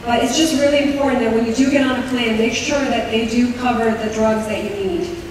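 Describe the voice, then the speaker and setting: At a town hall meeting, a woman with a fairly high, brisk voice explains benefit rules in an informal talk full of ums, fillers and restarts, sounding hesitant. A distant room mic picks her up in a large, echoey meeting hall with background noise.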